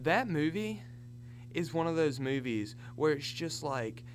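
Young adult male co-host, animated anecdote-teller, slightly high and very expressive. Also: a little slow, a little hiss or hum. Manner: animated storyteller who acts out quoted voices. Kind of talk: casual chat.

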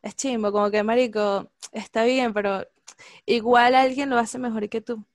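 Give me a lively woman in casual chat, slightly high-pitched, with a dry, close sound. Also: moderate pace, dry recording. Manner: lively, slangy, laughs often, acts out quotes.

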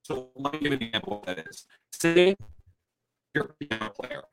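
A man's voice: sits high, wildly swooping pitch, fairly quick, creaky, over music, low-quality recording. A man hosting a live stream in casual conversation over a video call. His audio keeps breaking up and cutting out, and he rambles and restarts his sentences. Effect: choppy video call audio breaking up.

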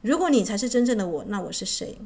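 A woman's voice: mid-range voice, expressive, fast talker, dark tone, natural voice. Woman voicing a stubborn weary knight. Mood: puzzled. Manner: indignant protesting. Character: stubborn weary middle-aged male knight.

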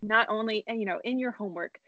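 A woman's voice: medium pitch, fast talker, no echo. A young woman in her twenties co-hosting a casual podcast, telling stories and acting out her own past remarks. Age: 20s. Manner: animated storyteller who acts out her own past remarks. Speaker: co-host. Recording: dull lo-fi internet call audio.

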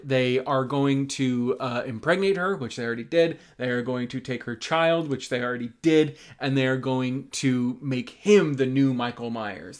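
A man co-hosting a podcast, recapping a film series in casual chat, rambling with many ums and restarts. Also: mid-range voice. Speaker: podcast co-host.

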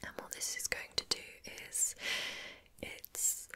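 Softly and breathily, a woman whispers her way through a relaxation ASMR session, her guidance gentle, soothing and unhurried.

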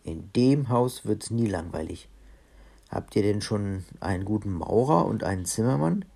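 A man's voice: lowish voice, expressive, normal speed, creaky, warm tone, breathy edge, exaggerated voice. A man reading aloud and voicing a polite, timid former fireman who speaks formally.

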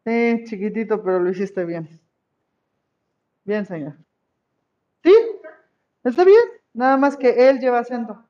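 A woman's voice: on the high side, measured pace, long pauses, mellow, muffled recording. A woman teaching an online class, encouraging her pupils and checking in with them often.

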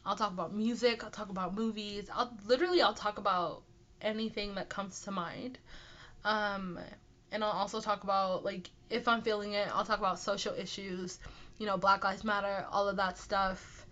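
Young woman, mid-pitched, nasal and stuffy with a cold, rambling self-deprecating chat, slightly muffled lo-fi recording. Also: fairly even intonation, moderate pace, fairly bright tone. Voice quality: nasal, congested. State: sick with a stuffy nose. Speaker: podcast host and aspiring author. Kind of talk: casual solo chat answering listener questions.

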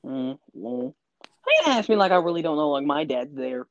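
Lively, teasing man on dull dry audio. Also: fairly high pitch, moderate pace, no room sound. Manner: playful, teasing. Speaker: podcast co-host. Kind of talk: casual podcast chat. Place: his bedroom.

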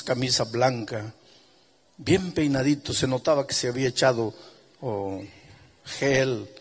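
A male pastor telling a story in his sermon with animated, emphatic delivery. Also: mid-range voice, slightly rough.

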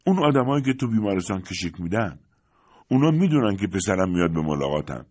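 A man's voice: low-pitched, very animated, a little mellow. A man voicing a frail, bitter old woman on her deathbed, whispering urgent pleas in a storybook reading. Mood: pleading.

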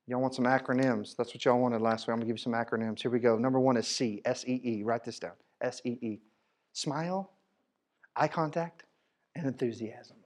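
A man preaching a sermon as pastor, telling stories in a lively, animated way with casual Southern phrasing. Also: mid-range voice. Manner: animated storytelling, Southern speech. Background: congregation responses.

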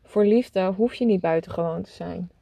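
A woman's voice: fairly low pitch, moderate pace, creaky, mellow, dry recording. A woman voicing a cheerful little mole in a storybook, earnest and playful. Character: cheerful small mole who loves cake.

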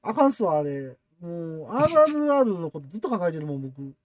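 A man with a Kansai accent chatting on a podcast, his pitch leaping all over as he tells a story and laughs. He gets excitable. The sound is close and dry, with no room around it. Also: fast, no room sound. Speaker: podcast host. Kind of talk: casual chat.

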